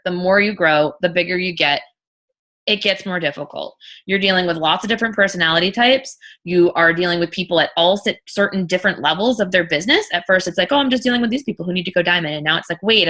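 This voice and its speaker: A woman's voice: lowish voice, sharp tone. A woman leading an informal coaching talk as a team leader, blunt and emphatic, repeating her points and swearing freely.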